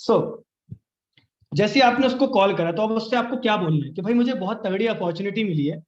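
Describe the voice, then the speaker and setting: A young man with a fairly high voice leads a live online sales training. He coaches with energy and switches into quick sample conversations. His voice sounds roomy and a little dull, like live-stream audio. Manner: energetic, coaching, acts out both sides of sample chats.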